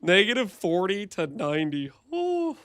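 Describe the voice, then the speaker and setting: A man's voice: high voice, wildly swooping pitch, unhurried, fairly bright tone, no echo, studio quality. A man on a livestream headset mic, chatting and joking as he thinks aloud through gameplay commentary.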